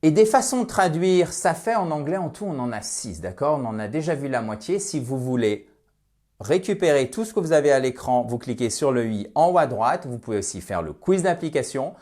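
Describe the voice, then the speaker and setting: A man teaching a language lesson in a lively, explanatory way, slowing down to stress his example sentences and checking in often with the viewer. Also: medium pitch. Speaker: English teacher.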